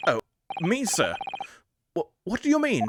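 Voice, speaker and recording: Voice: mid-range voice, wildly swooping pitch, unhurried, heavy background noise, pitched above the performer's own voice. A game player voicing a timid, flustered male juror who stammers and defers to everyone. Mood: startled, nervous. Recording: game music behind the voice.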